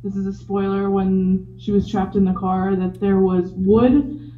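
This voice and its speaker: A woman's voice: medium pitch, level tone, measured pace, a little hiss or hum. A woman co-hosting a casual podcast, speaking hesitantly with many fillers. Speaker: podcast co-host. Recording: tinny phone-like sound, roomy.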